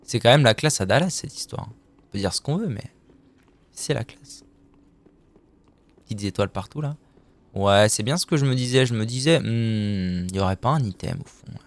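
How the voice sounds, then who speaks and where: A man's voice: lowish voice, animated, moderate pace, pauses often, no room sound. Playful man streaming a game. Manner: joking, self-mocking, chatty with playful silly voices. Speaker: streamer playing a video game. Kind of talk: casual live-stream commentary.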